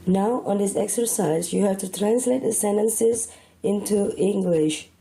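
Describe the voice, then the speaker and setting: Slow, mellow-voiced Indonesian woman teaching. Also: medium pitch, gravelly, a little hiss or hum, rough recording. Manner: deliberate, stretching out example words syllable by syllable. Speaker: English teacher. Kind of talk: slow step-by-step grammar lesson.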